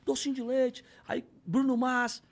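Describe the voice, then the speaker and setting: A man's voice: very high-pitched, flat delivery, a little slow. A man, telling stories on a podcast in casual, slangy chat and bursting into sung parodies. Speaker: podcast guest, comedian.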